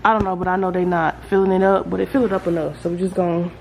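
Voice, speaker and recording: A woman's voice: on the low side, little pitch movement, rapid-fire, darkish tone. Southern American woman chatting casually over background noise. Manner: informal, rambling, thinking aloud. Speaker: home makeover vlogger. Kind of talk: casual chat to viewers during a house tour. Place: indoors, rooms of a house. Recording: noisy handheld home recording, household ambience. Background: clear background noise.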